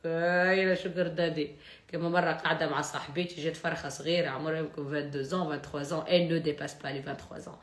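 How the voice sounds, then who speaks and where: A woman's voice: low voice, fairly even intonation, very fast, hardly any pauses. Teasing Tunisian woman on a live stream. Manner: mocking, joking, laughs often. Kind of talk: casual live-stream chat. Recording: roomy echo.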